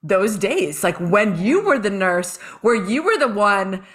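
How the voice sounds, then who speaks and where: A woman's voice: medium pitch, big pitch swings, measured pace, a bit bright. A middle-aged woman hosting a podcast interview, chatty and effusive, reading her guest's introduction in a playful announcer style. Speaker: podcast host.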